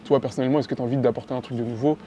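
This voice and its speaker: A man with a mellow, darkish voice asks long, rambling questions in a casual interview. He often repeats his guest's words back to him. Faint noise sits behind his voice. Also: medium pitch, fairly even intonation, racing, dull audio.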